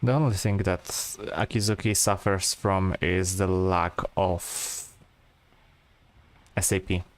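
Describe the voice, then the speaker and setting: A man giving relaxed, rambling gameplay commentary, full of fillers and restarts. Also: low voice, slow pace. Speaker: gameplay streamer.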